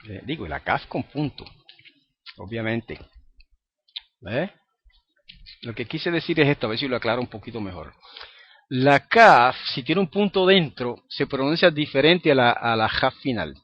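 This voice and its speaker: A man's voice: medium pitch, big pitch swings, moderate pace, pauses often. A man teaching a recorded lesson, explaining patiently and often checking in with the listener. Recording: dry, dull lo-fi recording.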